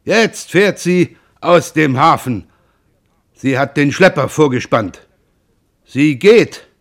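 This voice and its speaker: A man reading aloud, voicing an excitable, hurried older father who shouts excitedly. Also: fairly high pitch, pitched above the performer's own voice.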